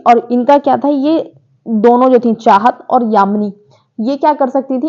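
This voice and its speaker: Chatty woman reviewer, higher voice. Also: a little mellow, dull audio. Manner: chatty, opinionated, addresses viewers as guys. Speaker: reality show reviewer. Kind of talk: casual recap commentary.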